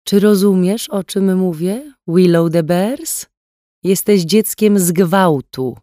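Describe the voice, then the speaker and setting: A woman's voice: slow pace, no echo, clean studio sound. Woman voicing a cruel, scornful adoptive mother. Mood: cold menace. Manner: cold, contemptuous, bursts into shrill shouting.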